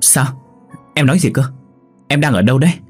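Narrator doing panicky husband, urgent questions, husky, pushed up high. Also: male voice, animated, a little fast, faint music behind. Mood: frantic. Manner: frantic, urgent.

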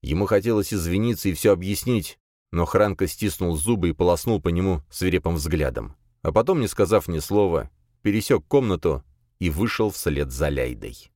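Low, animated male storyteller for scripted narration. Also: normal speed, dry recording, studio quality. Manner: expressive storytelling. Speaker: audiobook narrator.

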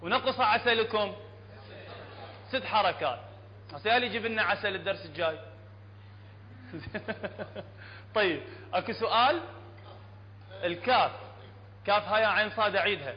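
Iraqi man teaching tajweed, high voice, often checks with the class, dull lo-fi hall recording with faint hum. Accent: Iraqi Arabic. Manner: explains plainly, checks often with the class, chants verses slowly. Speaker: Quran recitation teacher.

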